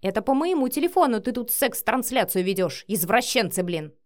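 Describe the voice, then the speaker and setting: A woman reading the lines of a blunt, sharp-tongued young woman who snaps back and shouts, in an audiobook. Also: on the high side, animated, normal speed, voice pushed up, natural voice. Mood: snapping. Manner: snapping, sarcastic, loud.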